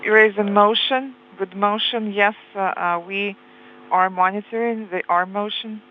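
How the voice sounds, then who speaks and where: A woman interpreting radio calls live, in short halting phrases, over a radio feed. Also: medium pitch, steady tone. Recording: phone-like radio feed with humming noise.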